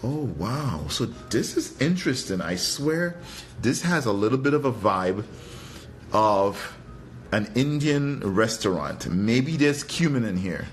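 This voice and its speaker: Thinking aloud in a hesitant, musing manner, this Trinidadian fragrance reviewer and livestream host often repeats himself during a casual live product review. His mid-range voice is animated yet slow, with a little hiss or hum on the recording.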